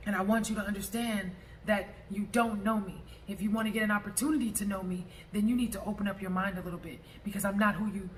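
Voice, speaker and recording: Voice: mid-range voice, a little hiss or hum. A vlogger talking in a personal monologue, blunt, emphatic and assertive, with casual wording and some swearing. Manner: casual speech with profanity. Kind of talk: personal vlog monologue addressed to a former friend.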